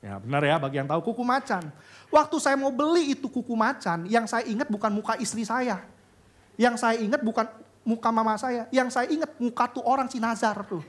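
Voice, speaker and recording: Male pastor, expressive sermon delivery moving between loud exclamations and hushed confession. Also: extremely high pitch, brisk.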